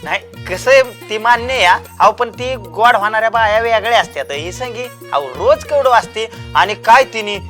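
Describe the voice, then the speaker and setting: A man's voice: high voice, expressive, normal speed, few pauses, pushed and bright, faint music behind. A man with a rural Marathi accent playing a scheming village man who wheedles and eggs two women into a fight, in a comedy sketch. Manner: wheedling, egging others on. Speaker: village troublemaker.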